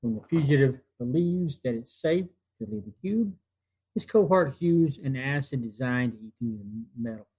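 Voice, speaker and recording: A man in his fifties hosting a retrospective, narrating from notes in a halting way and often repeating phrases. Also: mid-range voice, expressive, dark tone, breathy edge, poor audio. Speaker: host. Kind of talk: semi-scripted narration of TV show retrospective.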